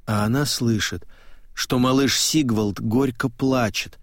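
Calm male audiobook narrator. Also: mid-range voice, slow, no room sound, studio quality. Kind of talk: scripted narration.

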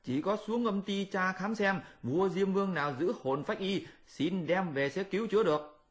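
A man voicing a boastful, mischievous male monkey king with a shrill, bossy, teasing manner in an audiobook. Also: normal speed, lightly acted. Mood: pleading. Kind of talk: audiobook character voice.

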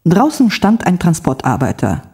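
A woman narrating a story for a language textbook in a careful, clear, expressive way. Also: fairly low pitch, normal speed.

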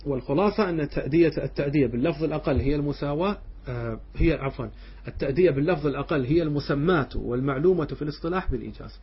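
A sheikh with a husky, somewhat high voice teaches a class through a text. He poses questions to his students, answers them himself, and keeps checking that they follow. The recording is dull and lo-fi. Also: very fast. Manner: checks understanding with short asides. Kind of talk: classroom lecture explaining a text line by line.

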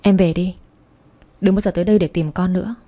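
A woman's voice: fairly low pitch, fairly even intonation, fairly quick, mellow, lightly acted. A woman voicing a cruel man who threatens and drives off his former lover. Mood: menacing. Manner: harsh, threatening.

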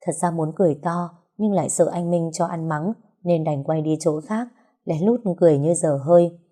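A woman narrates a novel in the first person, reflective and emotional in her storytelling. Her voice is low-pitched and very mellow, with no brightness at all. The delivery suits an audiobook. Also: normal speed.

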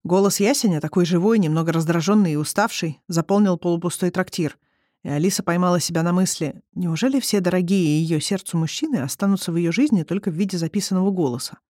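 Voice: mid-range voice, quick pace, dry recording. Dry, close audiobook narrator. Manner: even storytelling reading. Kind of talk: scripted narration.

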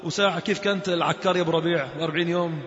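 Brief: Levantine-accented preacher, high voice, echoey mosque hall, lo-fi. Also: male voice, steady tone, very fast. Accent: Levantine Arabic. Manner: colloquial, swings between hushed asides and loud exhortation. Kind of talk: sermon with storytelling.

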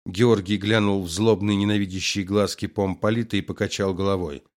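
Low-voiced man narrating an audiobook. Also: fairly even intonation, brisk, a little mellow.

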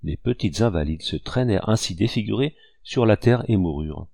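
A man reading an old storybook aloud in a measured, expressive way. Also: lowish voice, creaky, no echo. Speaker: audiobook reader.

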